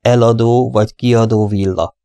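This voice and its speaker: A precise older gentleman detective in an audiobook, choosing each word slowly and carefully, as the man reading puts him on. His voice sits low with a gravelly grain, close and dry. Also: lively intonation, no echo. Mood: deliberate. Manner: slow and deliberate, spelling things out.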